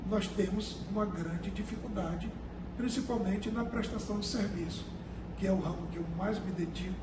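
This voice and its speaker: A man from the Amazon region, a company director answering interview questions earnestly and deliberately, often repeating words as he searches for them. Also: sits high. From Brazil, Amazonas. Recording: echoey room, distant mic, background noise.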